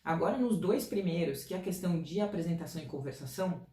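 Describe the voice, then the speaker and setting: A woman from Brazil talks through career tips in a chatty, informal way, her voice mellow and a little dark. She sits away from the mic in a room with a noticeable echo. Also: lowish voice, lively intonation, fast. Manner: chatty and informal, direct advice. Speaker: career advice vlogger. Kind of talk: casual career-advice talk to camera. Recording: distant mic in an echoey room.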